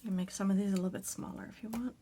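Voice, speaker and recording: A woman with a raspy voice chatting casually as she works on a craft project, often dropping to a soft whisper. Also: mid-range voice, fairly even intonation, rapid-fire, noisy background. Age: adult parent. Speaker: crafting video host.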